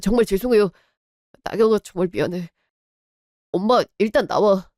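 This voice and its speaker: Apologetic young husband played by a woman, lowered voice, radio drama, dry sound. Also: normal speed, darkish tone, dry recording, lightly acted. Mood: firm. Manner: pleading, apologetic. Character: young husband, apologetic, torn by his mother.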